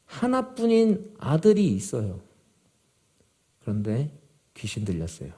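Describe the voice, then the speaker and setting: A male pastor preaching a sermon to a youth group, swinging from loud, urgent emphasis to low, quiet gravity. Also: wildly swooping pitch, unhurried.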